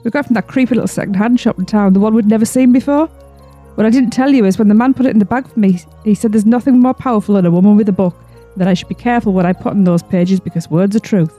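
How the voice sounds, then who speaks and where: A woman playing an anxious young wife, speaking quickly and worriedly. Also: medium pitch, warm tone, close to an everyday voice. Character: anxious young wife who fears her writing.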